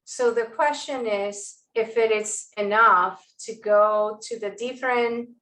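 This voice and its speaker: A woman's voice: on the high side, a bit bright. A woman, a course participant, asking careful questions while sharing her screen on an online call. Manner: slow, careful, measured. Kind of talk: online office hours question. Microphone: video call. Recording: roomy, distant from the mic.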